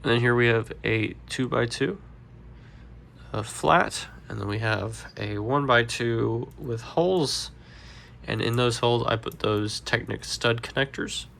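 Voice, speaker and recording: A congested man walking through a Lego build step by step, relaxed and rambling with fillers. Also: medium pitch, a little slow, creaky, slight background noise. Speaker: Lego builder, channel host. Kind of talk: casual build tutorial.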